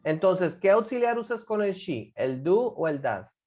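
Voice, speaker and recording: A woman with a low voice leads an English class. Her pitch rises and falls a lot as she coaxes students along with guiding questions. She drills pronunciation patiently, repeating each word. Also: big pitch swings, unhurried, darkish tone. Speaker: English teacher.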